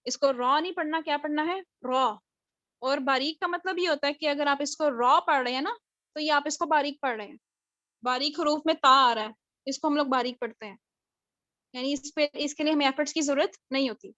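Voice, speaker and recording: A woman's voice: high voice, a little fast, fairly bright tone, no room sound. A woman teaching a tajweed class over a video call, drilling letter sounds again and again. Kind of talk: online class lecture. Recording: dull lo-fi video call audio.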